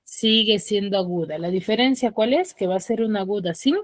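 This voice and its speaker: Over a video call, a woman teaches a secondary school class, quizzing her students and frequently tacking on short tag questions to make sure they're following. She talks briskly in a mid-range voice, with no room sound.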